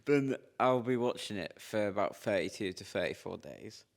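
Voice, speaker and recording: A young man, chatting loosely on a podcast. His voice sits low, and his stories ramble along with plenty of filler words and slang. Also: expressive, normal speed, creaky. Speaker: podcast co-host. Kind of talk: casual chat.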